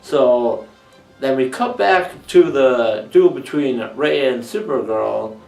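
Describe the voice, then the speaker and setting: A man's voice: medium pitch, animated, vocal fry, a little mellow. Male reviewer, casual recap, jokey, roomy and distant, music bed. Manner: joking, acts out characters in quick throwaway voices. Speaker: TV episode reviewer.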